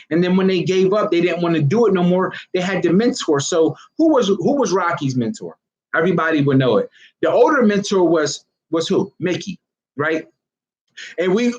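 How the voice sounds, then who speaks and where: A man giving a casual, rambling motivational talk as an online fitness marketer, often asking "you know what I mean?". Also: fairly high pitch. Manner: animated, breaks into laughs. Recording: dull lo-fi recording.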